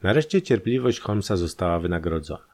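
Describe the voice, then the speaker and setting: A man reading a detective story aloud as an audiobook narrator, steady and measured. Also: sits low. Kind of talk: scripted narration.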